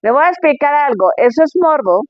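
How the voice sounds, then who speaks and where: Woman pastor, high voice, conversational sermon, dry and dull-sounding recording. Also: big pitch swings, brisk, dry recording. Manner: conversational, asks rhetorical questions. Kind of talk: conference sermon.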